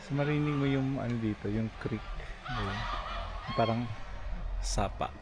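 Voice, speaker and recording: Lalaking vlogger na masigla sa labas, maingay ang paligid. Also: male voice, mid-range voice, measured pace, background noise. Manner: chatty, code-switching, amazed. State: out of breath walking uphill. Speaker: travel vlogger. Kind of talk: casual travel vlog narration. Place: outdoors in a hillside town.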